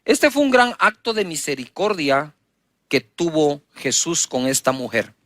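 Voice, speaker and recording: A male pastor preaches a sermon, reading scripture aloud and retelling it with dramatic swings in emphasis and volume. His fairly high voice is very animated and a little slow, with no room sound.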